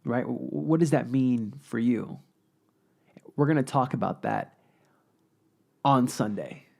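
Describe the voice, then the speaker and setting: Youth pastor type, male, mid-pitched and a bit gravelly, chatty and playful, speaks straight to camera. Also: slow, darkish tone. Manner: conversational, playful, asks the audience questions. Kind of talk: casual video sermon.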